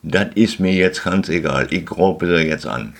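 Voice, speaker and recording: A man doing a grumpy gruff householder, Herr Lemm. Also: low-pitched, measured pace. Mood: stubborn.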